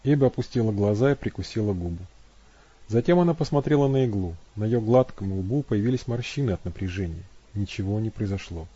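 Mellow husky male audiobook narrator. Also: fairly low pitch, animated, a little fast, dull audio. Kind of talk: scripted narration.

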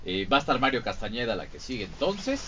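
A man's voice: mid-range voice, big pitch swings, quick pace, a bit bright. A man chatting casually as a regular on a show. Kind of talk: casual chat. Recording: noticeable background noise.

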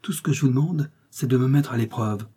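A man's voice: mid-range voice, moderate pace, warm tone, slightly rough, natural voice. A man reading the part of a devoted, emotional farmer who speaks effusively to his master. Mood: eager. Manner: tearful, effusive. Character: emotional devoted male farmer, loyal servant.

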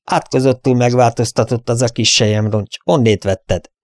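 A man's voice: medium pitch, steady tone, no echo, studio quality, voice pushed up, lightly acted. A man voicing a skeptical older ranch partner in an audiobook, with a doubtful, questioning delivery. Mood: astonished. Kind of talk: audiobook character voice.

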